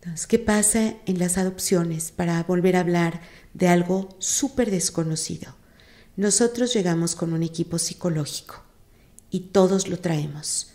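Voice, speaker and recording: A Mexican woman, a psychologist and institute director, giving measured explanations in an interview. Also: on the low side, warm tone.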